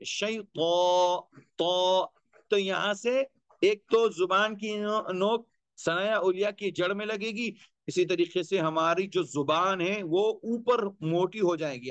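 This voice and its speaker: A man with a high voice gives a tajweed lesson at a slow, unhurried pace, drawing out each Arabic letter and repeating it to demonstrate. He points out his own teeth and tongue as he explains. The recording is dry and close, with no room sound. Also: a bit bright, dry recording. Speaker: Quran recitation teacher.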